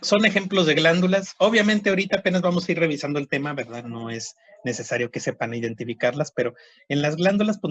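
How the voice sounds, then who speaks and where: A man's voice: fairly high pitch, dry recording, dull audio. Man lecturing on histology. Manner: explanatory, repeats terms, frequent checks with students. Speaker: histology teacher. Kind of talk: online lecture to students.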